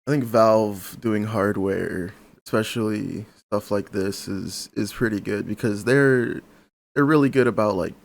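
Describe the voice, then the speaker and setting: A young man with a low, gravelly voice talks over tech in a loose, quick podcast chat. He swears freely and runs his thoughts together with plenty of filler. His delivery is relaxed and excited. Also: slight background noise. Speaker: podcast guest. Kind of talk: casual chat.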